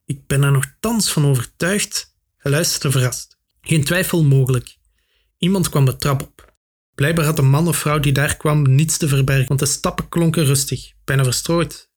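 A man reading a children's adventure story aloud with steady, expressive narration. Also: on the high side, moderate pace, husky. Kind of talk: audiobook narration.

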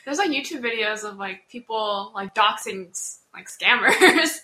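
A young woman student co-hosting a podcast, relaxed and giggly, a bit hesitant. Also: mid-range voice, unhurried. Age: young adult. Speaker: podcast co-host. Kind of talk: casual chat. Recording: echoey room.

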